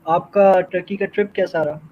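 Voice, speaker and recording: A man calling in over a breaking, choppy connection, asking a hesitant, halting question. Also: high-pitched, steady tone. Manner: hesitant, halting, many drawn-out fillers. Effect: choppy, breaking call connection. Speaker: caller. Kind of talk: asking a religious question on a live stream call. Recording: dull lo-fi call line with faint noise.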